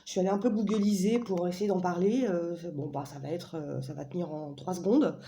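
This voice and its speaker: Femme bavarde au timbre doux. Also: female voice, on the low side, fairly even intonation, brisk, vocal fry, dark tone. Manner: chatty, playful, frequent fillers and self-corrections. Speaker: vlogger presenting an oracle deck. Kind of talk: casual chat.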